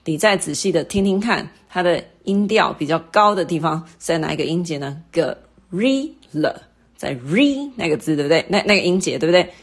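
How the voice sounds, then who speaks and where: A middle-aged woman hosting a lesson, explaining English word stress to listeners patiently and repeating each example word slowly. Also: on the low side, expressive. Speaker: English teacher and podcast host.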